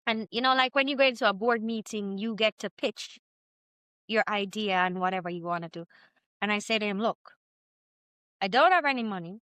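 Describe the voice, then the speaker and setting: A woman in her thirties with a Jamaican accent, telling her story as a podcast guest in a lively, chatty way. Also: mid-range voice, fairly quick, clear, resonant tone, dry recording. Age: 30s. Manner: lively, chatty, quotes herself often. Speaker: guest entrepreneur. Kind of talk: candid storytelling interview.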